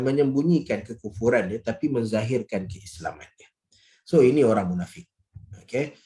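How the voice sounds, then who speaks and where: A man's voice: mid-range voice, warm tone. A man teaching a Quran study lesson in a conversational way, often saying "okey" and "ha" and acting out tones of voice. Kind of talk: religious lecture.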